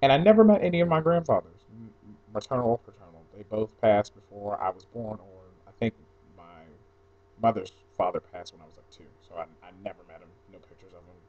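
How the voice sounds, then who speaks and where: A man's voice: on the low side, brisk, darkish tone. A young man from New Jersey and Atlanta chatting casually and offhandedly, reading through a questionnaire for an audio blog post with wandering asides. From New Jersey, mostly raised in Atlanta. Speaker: blogger recording an audio post. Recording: slightly dull lo-fi home recording.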